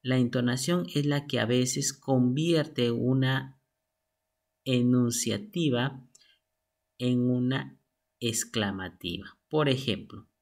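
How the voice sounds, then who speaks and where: A man's voice: mid-range voice, darkish tone. A man teaching a lesson from slides, methodical and reading examples aloud. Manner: slow, methodical, reads out examples. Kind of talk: slide lesson on sentence types.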